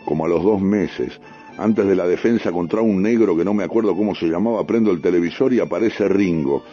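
Man, rioplatense accent, radio story reading, low mellow voice, dull radio sound with faint music. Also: slightly rough. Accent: Rioplatense Spanish. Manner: unhurried storytelling, street slang. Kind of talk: first-person literary reading on radio.

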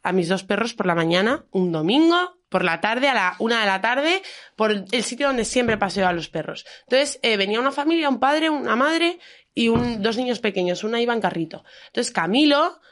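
Lively woman telling a story. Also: fairly high pitch, normal speed. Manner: animated storytelling, acts out voices. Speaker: podcast guest. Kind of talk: casual chat.

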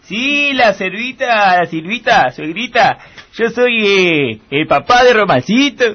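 A man's voice: high voice, expressive, slow pace, bright, forceful tone, full character voice. A man playing a rowdy, crude young cumbia fan, drawling slang in a radio comedy. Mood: brash.

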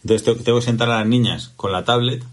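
A man's voice: medium pitch, fairly even intonation, fast, background noise. A man with a Spanish accent co-hosting a podcast, telling stories in a rambling, hesitant casual chat. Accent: Spain. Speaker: podcast co-host.

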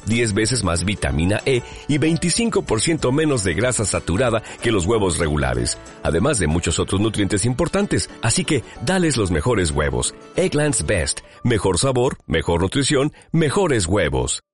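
A man's voice: on the low side, sing-song, normal speed. A man reading a scripted commercial voice-over in an upbeat, salesy manner. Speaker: commercial announcer. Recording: music behind.

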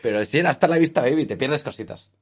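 Fast-talking Spanish man, casual banter. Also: medium pitch, expressive, breathy edge. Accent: Peninsular Spanish. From Spain. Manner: fast, slangy, laughing anecdotes. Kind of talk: casual chat.

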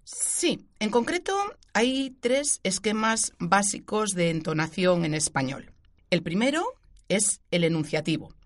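A woman teacher, explaining a grammar point clearly and giving spoken examples on a radio show. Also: mid-range voice. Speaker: Spanish language teacher.

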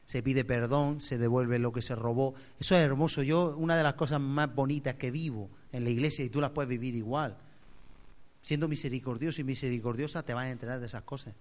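Male pastor, mid-pitched, dramatic sermon delivery with loud and soft swings. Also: brisk. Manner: expressive, acts out voices, swings loud to soft.

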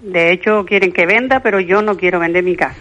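A woman's voice: on the low side, a little fast, fairly bright tone. Older lady phoning into a radio show, chatty, lots of ums, muffled dull phone sound. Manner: chatty, affectionate, hesitant with fillers. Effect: caller heard over a phone line. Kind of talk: casual phone-in question.

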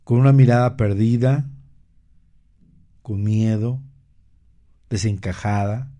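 A man hosting a radio health show, explaining terms and recounting a therapy case in a measured way, with frequent pauses and fillers. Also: fairly low pitch, steady tone, dark tone. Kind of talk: slow explanatory talk.

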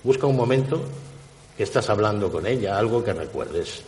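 Man, hypnotist, guided hypnosis session, low voice, slow insistent questions, echoey hall with long reverb. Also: expressive, a little mellow.

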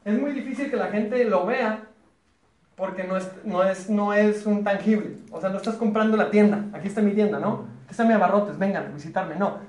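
Brief: high-voiced Mexican man presenting a business opportunity in an echoey meeting room, chatty and joking. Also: a little mellow. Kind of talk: live sales presentation to a small group. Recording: roomy echo.

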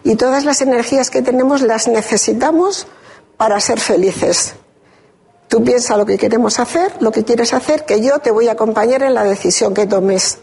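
A woman giving an interview, telling a deeply personal story in a measured, reflective way with hesitant restarts. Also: vocal fry, a little mellow, husky. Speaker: interview guest. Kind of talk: emotional personal testimony.

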